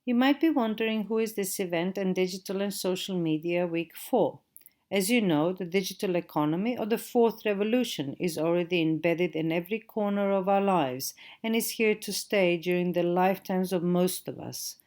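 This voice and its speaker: A middle-aged Croatian woman with a Croatian accent and a slightly low voice gives a steady recorded lecture as a digital marketing trainer. She slows down when spelling out web addresses, and the recording is audio-only.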